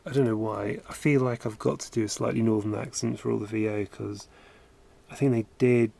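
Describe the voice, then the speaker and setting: Gravelly British man rambling on stream. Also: fairly low pitch, fairly even intonation, a little fast, dark tone. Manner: rambling, musing aloud with filler words. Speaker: animation streamer. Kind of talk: casual chat while drawing on stream.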